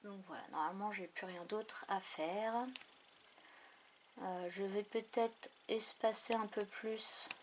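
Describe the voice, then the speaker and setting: A woman hosting a craft tutorial, thinking aloud in an unhurried way with many fillers as she works on a computer. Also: mid-range voice, a little hiss or hum. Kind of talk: casual screen tutorial narration. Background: mouse clicks.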